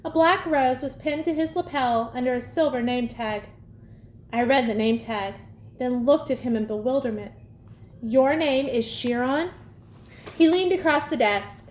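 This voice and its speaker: A woman reading a storybook aloud in a lively first-person telling. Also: high voice, moderate pace, slight background noise. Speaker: audiobook reader. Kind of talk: storybook narration. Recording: echoey room, faint ambience.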